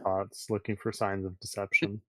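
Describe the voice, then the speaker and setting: A man's voice: fairly low pitch, flat delivery, normal speed, a crowd in the background. A man playing a tabletop game, casually stating what his character does.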